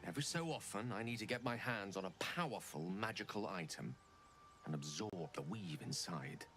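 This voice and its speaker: Gale, a polished formal wizard. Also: male voice, sits low, animated, normal speed, a bit bright. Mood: earnest. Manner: formal, courteous, slightly theatrical speech. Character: refined male human wizard, polite, secretive. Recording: game audio with music behind.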